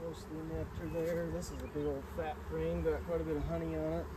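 A man's voice: a little high, flat delivery, fast talker, noisy background. A man who keeps bees, talking offhand and thinking aloud as he works in an outdoor bee yard, recorded on a camera mic. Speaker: beekeeper. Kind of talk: casual how-to narration. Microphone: camera mic, speaker moving around. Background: loud buzzing of bees.

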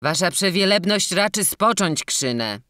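A woman's voice: fairly low pitch, expressive, unhurried, sharp tone, no room sound, clean studio sound, voice pushed up. A woman voicing a polite, deferential male gatekeeper who speaks courteously to a churchman. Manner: courteous, advising.

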